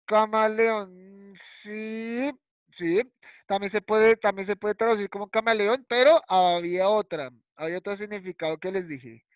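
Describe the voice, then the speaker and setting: A man teaching first-grade English by video call moves between Spanish and English, patiently says words again and again, and checks in with short tags like "¿cierto?" and "¿listo?" He's a primary school English teacher with a high-pitched voice and a slightly slow pace, heard in a rough recording with no room sound.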